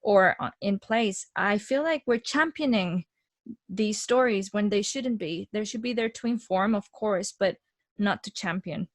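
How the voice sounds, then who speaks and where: In an unhurried, mid-range voice, a young actress from Mexico talks candidly and with energy as an interview guest on a video call, repeatedly restarting her sentences. The sound is dry and of studio quality.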